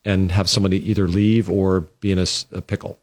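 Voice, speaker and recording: Fast-talking man, real estate agent. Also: low voice, level tone, a little mellow. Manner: quick and talkative, acts out quoted clients. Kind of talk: casual podcast discussion.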